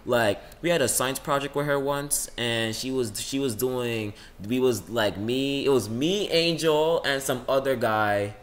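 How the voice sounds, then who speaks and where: A teenage boy in a casual, rambling monologue about his classmates, saying "like" constantly and swinging his pitch up and down. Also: a little slow, few pauses. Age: teens. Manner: rambling, says "like" a lot, lively swings in pitch. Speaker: student vlogger.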